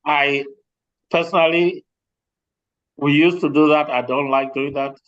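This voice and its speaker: On a remote online group call, a man working as an insurance representative explains things informally, repeating himself often as he goes. His voice sits on the high side, with fairly even intonation and a slightly slow pace, and the call audio is dull and lo-fi.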